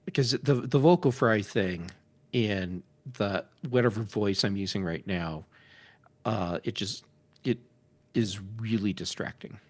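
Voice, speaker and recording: A man's voice: fairly low pitch, measured pace. A man on a tech podcast panel chatting casually and candidly, with a griping way of talking.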